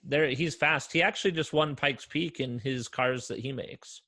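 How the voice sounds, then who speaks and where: A man's voice: medium pitch, normal speed, bright, forceful tone, no echo. A man from Portland, Oregon, hosting a casual interview and chatting loosely with fillers and restarts. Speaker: podcast host.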